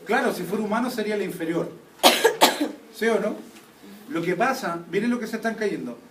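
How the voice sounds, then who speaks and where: High-voiced man lecturing. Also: lively intonation, normal speed. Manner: keeps quizzing the class with check questions. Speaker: anatomy teacher. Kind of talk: classroom lecture. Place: classroom. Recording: echoey room, taped from a distance, faint noise.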